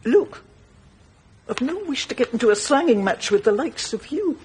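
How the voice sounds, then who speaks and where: An actress playing a prim, snooty woman with a breathy voice in a TV sitcom. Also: a little high, animated, normal speed, darkish tone, a little hiss or hum, lightly acted. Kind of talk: TV sitcom acting.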